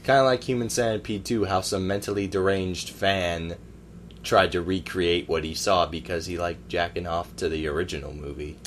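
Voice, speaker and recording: A man's voice: low-pitched, steady tone, normal speed, slight background noise. A man co-hosting a casual podcast, rambling through opinions on films with hesitant fillers. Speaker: podcast co-host. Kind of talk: casual chat about movies.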